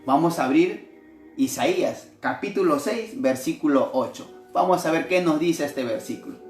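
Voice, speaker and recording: Animated male preacher, echoey room. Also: fairly high pitch, moderate pace. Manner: animated, asks rhetorical questions. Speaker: missionary preacher. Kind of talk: devotional sermon. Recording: echoey room with faint music.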